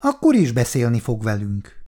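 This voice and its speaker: A man voicing a calm, firm older housing committee official who speaks with steady authority, in an audiobook reading. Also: a little high, pitched above the performer's own voice.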